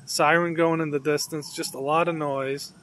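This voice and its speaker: Bright high-voiced earnest man outdoors. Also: level tone, moderate pace, a little hiss or hum, poor audio. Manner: earnest and affectionate, switches to a high coaxing pet voice. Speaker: vlogger feeding a wild squirrel. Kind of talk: casual vlog narration. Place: outdoors near his home.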